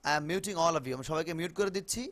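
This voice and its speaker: A man with a Bengali accent teaching an online spoken English class over a video call, mixing Bengali and English and repeating words slowly for his students. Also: a little high, a bit bright.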